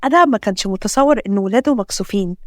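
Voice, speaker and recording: A woman's voice: mid-range voice, expressive, rapid-fire, dry recording, studio quality. A woman with an Egyptian accent narrating a family drama story and reading every character herself. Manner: reads every character herself with little change of voice.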